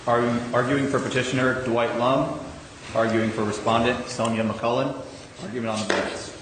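A man's voice: medium pitch, flat delivery, normal speed. A man working as court clerk, formally announcing a case. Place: large indoor courtroom. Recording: very echoey, noisy courtroom.

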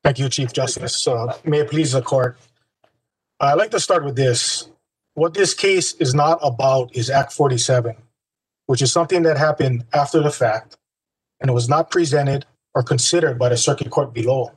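A man's voice: mid-range voice, moderate pace, husky, no echo, poor audio. A man making a formal oral legal argument as an attorney.

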